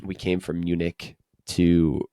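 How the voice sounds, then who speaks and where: Male podcast host with a very deep, even voice, casual and chatty, dry booth sound. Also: slow pace, no echo. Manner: relaxed, chatty, laughs often. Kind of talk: casual travel storytelling.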